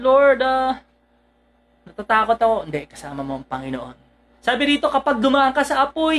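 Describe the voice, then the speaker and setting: Animated Filipino woman preaching a sermon. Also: high voice. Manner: animated, mixes Tagalog and English, acts out quoted speech; asks the congregation direct questions.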